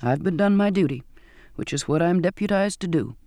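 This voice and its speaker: A man's voice: high voice, animated, brisk, mellow, no room sound, clean studio sound. A man reading aloud voices a decrepit, cringing old sailor who murmurs deferentially and calls his listener "miss.". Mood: cringing warning.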